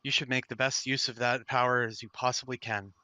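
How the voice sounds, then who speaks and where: A man voicing a calm, mysterious female fortune-teller in a tabletop game, measured, cryptic and eerily calm. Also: mid-range voice, no room sound. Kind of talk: improvised tabletop role-play.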